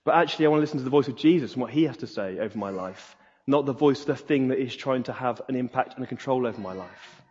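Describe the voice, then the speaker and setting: A man's voice: medium pitch, fast talker, darkish tone, breathy edge. Earnest preacher man in a reverberant hall. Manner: earnest, repeats key phrases for emphasis. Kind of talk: sermon. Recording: reverberant hall, dull lo-fi sound.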